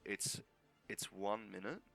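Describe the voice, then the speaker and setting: A man's voice: on the low side, steady tone, slow, vocal fry, a bit bright. A man playing a tabletop game, blunt, sighing and swearing as he talks. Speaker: player. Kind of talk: casual tabletop play.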